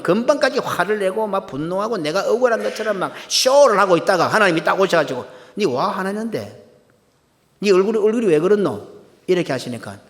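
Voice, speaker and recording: A man's voice: high-pitched, a bit bright. Emphatic male pastor preaching. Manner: emphatic, rhetorical questions to the congregation. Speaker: senior pastor. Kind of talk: sermon. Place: church sanctuary. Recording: long church hall reverb.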